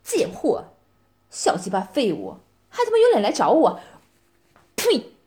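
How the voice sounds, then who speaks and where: A woman with a fairly high, warm voice and huge pitch swings speaks at normal speed as she voices a contemptuous young woman tearing into her ex-boyfriend in a solo audio roleplay. The delivery is mocking, profane, and full of insults, punctuated by repeated taunting "啊？".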